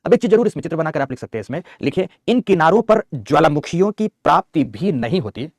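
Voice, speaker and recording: Very animated and quick, this man's slightly high voice dictates geography notes to an online class, alternately scolding and coaxing his students and calling them "beta." The audio is studio quality with no echo.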